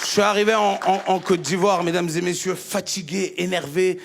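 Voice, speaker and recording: High-voiced Ivorian comedian on stage. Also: male voice, moderate pace, vocal fry, over a noisy crowd, heavy background noise. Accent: Ivorian French. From Ivory Coast. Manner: animated storytelling, swings into shouting. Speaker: stand-up comedian. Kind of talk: stand-up comedy. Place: stage before a live audience.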